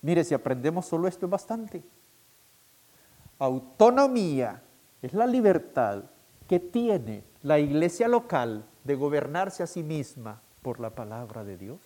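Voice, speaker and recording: A man preaching a sermon, emphatic and deliberate, repeating his key points slowly for the congregation. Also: on the high side, very animated, warm tone. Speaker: pastor.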